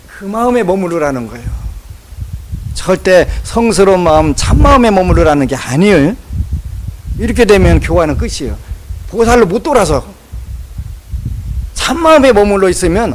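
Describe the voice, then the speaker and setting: A man giving a Buddhist dharma talk in a temple hall, folksy and lively, acting out scolding asides. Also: fairly high pitch, a little hiss or hum. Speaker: monk preacher.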